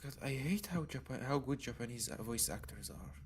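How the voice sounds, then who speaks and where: A man's voice: medium pitch, lively intonation, a little fast, a little hiss or hum. A man streaming a visual novel, reading the text aloud with dramatic, emotional reactions. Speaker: game streamer.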